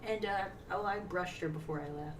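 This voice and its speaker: A young woman streamer chatting casually and telling animated stories, acting out what people said. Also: fairly low pitch, a little fast. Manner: animated storyteller, lively voices for quotes. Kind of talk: casual chat. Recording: roomy, from a distance, faint noise.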